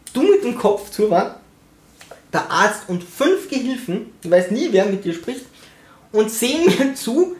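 A young man telling a personal story in a casual, sarcastic way, acting out the voices of the people he quotes. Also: sits high. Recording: roomy echo.

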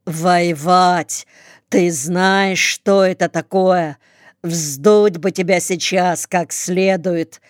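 A woman's voice: lowish voice, flat delivery, slow, darkish tone, smooth, no echo, studio quality. A woman reading a curt young soldier home from the front. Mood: gruff. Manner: curt, commanding tone.

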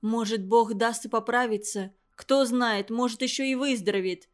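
A gentle, caring mother, as a woman reads her, soft-spoken and soothing. Her voice sits a little high. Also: fairly even intonation, normal speed, close to an everyday voice.

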